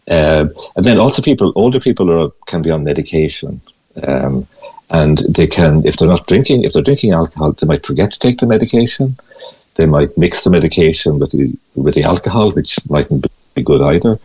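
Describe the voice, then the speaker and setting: An older man with a west of Ireland accent speaks in a very deep, husky voice. He explains things conversationally, circling back over words. The sound is dull and slightly muffled, like a lo-fi line. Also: expressive, fairly quick, a little mellow. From Galway, west of Ireland. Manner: hesitant, repeating words as he explains. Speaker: radio interview guest, mindfulness teacher. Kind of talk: conversational interview talk.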